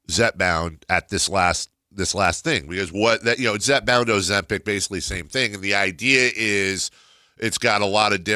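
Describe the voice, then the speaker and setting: A man's voice: deep voice, sharp tone, no room sound, clean studio sound. A middle-aged man with a stuffed-nose, very nasal voice, talking casually and ramblingly as a talk radio host, repeating words and poking fun at himself.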